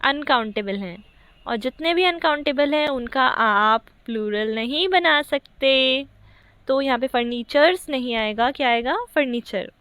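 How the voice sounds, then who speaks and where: This is a woman teaching English grammar for a competitive exam. Her voice is high, and the recording is close and dry, with no room sound. She reads each test sentence slowly and then quizzes her listeners with rhetorical questions. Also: fairly bright tone, clear, resonant tone, no echo. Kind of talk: exam-prep lesson.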